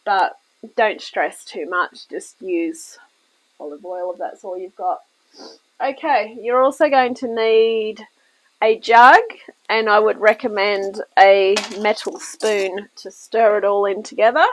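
At a steady, slow pace, a woman with a medium-pitched voice leads viewers through a recipe at her kitchen table in a casual cooking demonstration. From New Zealand, she sounds chatty and reassuring while still recovering from illness and coughing now and then, and the recording is low quality.

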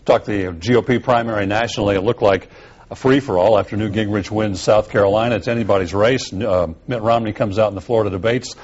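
A man hosting a weekly TV panel, asking brisk questions and acknowledging answers. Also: fairly low pitch, steady tone, darkish tone, dull audio. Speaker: TV show host, moderator. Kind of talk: moderating a political panel.

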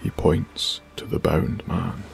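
A male narrator reads a bedtime story in a hushed, breathy way. His voice is very low and deeply gravelly with heavy fry. He takes his time over every phrase. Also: steady tone, slow pace, a little hiss or hum. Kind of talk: slow sleep story narration.

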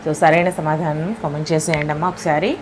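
A woman with a Telugu accent walks through exam questions in a patient step-by-step lesson, often asking "okay?". Her voice sits lower from early morning, and faint noise hums behind her. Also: flat delivery, brisk. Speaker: exam prep teacher.

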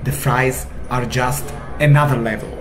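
A man's voice: mid-range voice, steady tone, normal speed, background noise. A man in his forties chatting as he guides a food tour, eager and talkative. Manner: enthusiastic, chatty. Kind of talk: casual food tour chat. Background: music.

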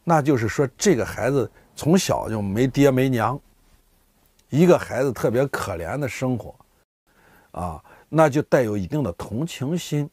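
This dialect vlogger talks to camera at a moderate pace in a medium-pitched voice with a breathy edge. He explains local terms casually, often voicing everyday people in lively examples, and the recording is dry.

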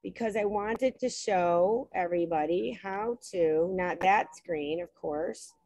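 Her voice fairly low, slow and dark, a woman presents travel packages in a webinar while sharing her screen on a video call. She's chatty, often restarting sentences and saying um, and the recording quality is low.

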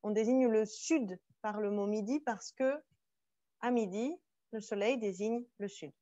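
A woman's voice: mid-range voice, a little slow, dark tone, no room sound, muffled recording. A woman from France teaching a bilingual online class, explaining each French phrase again in Spanish.

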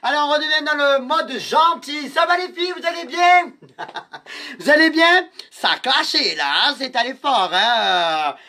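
Guy selling clothes on a live stream, bright sharp voice, teases and insults his viewers for fun, mutters then yells. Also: extremely high pitch, expressive, measured pace. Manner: teasing, mock-insulting viewers by name; theatrical, swings between muttering and shouting.

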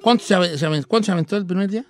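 A man's voice: high voice, very fast, faint music behind. A male radio host with a Mexican Spanish accent tells a comic folk tale in a chatty, slangy way and makes his own sound effects. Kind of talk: comic folksy storytelling.

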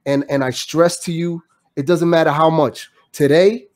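A man's voice: on the high side, fairly even intonation, moderate pace. A man from the Dominican Republic hosting a casual interview, speaking emphatically and repeating his phrases for effect. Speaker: podcast host. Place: home studio indoors. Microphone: studio mic with headphones.

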